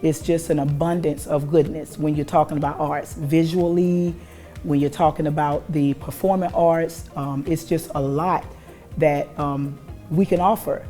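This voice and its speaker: A woman's voice: deep voice, fairly even intonation, measured pace, mellow, faint music behind. A woman who founded and directs an arts nonprofit, speaking in an interview in an earnest, uplifting way.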